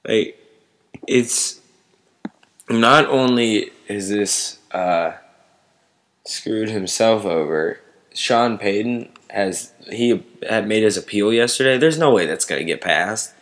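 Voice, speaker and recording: Slow-talking man with a low voice. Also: expressive, a bit bright. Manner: halting, searching for words. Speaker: sports commentary vlogger. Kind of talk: casual unscripted sports commentary to viewers.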